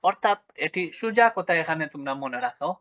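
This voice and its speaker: Male teacher, fairly high voice, patient question-and-answer drilling, dry close sound. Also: expressive, fast talker, no echo, muffled recording. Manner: asks questions and answers them himself, with frequent check-ins. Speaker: math teacher. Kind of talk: classroom lesson for children.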